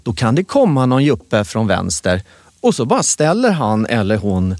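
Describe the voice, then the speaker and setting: A man's voice: mid-range voice, sing-song, a little mellow, dry recording, clean studio sound. A man co-hosting a podcast, teasing his co-host while retelling a story in casual chat.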